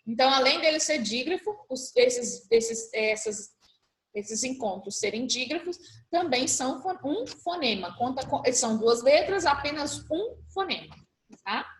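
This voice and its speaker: A high-pitched woman teaching young pupils, patiently spelling out letter pairs one at a time. She talks in a roomy, echoing space at school. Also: very animated, unhurried. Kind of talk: recorded class review lesson.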